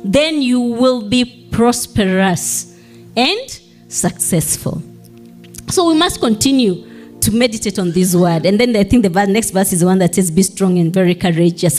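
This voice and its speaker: A woman's voice: mid-range voice, a little mellow. Woman preaching to young people, faint music. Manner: earnest preaching with asides and restarts. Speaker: guest speaker. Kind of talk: sermon to a youth fellowship.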